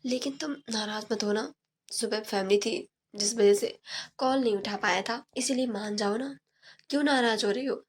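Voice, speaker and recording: A woman's voice: a little high, normal speed, husky. A woman voicing a young man who pleads and coaxes his fiancée apologetically. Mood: pleading. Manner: coaxing, apologetic.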